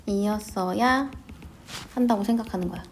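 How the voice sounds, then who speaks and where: A woman's voice: medium pitch, a little fast, slight background noise. A young woman teaching a literature lesson, chatty and full of filler words. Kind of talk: high school literature lesson.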